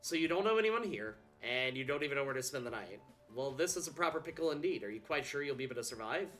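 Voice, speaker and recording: A man reading the lines of a chatty, old-fashioned male professor in a quick, fussy, questioning way. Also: medium pitch, animated, a bit bright, soft background music, lightly acted. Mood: curious.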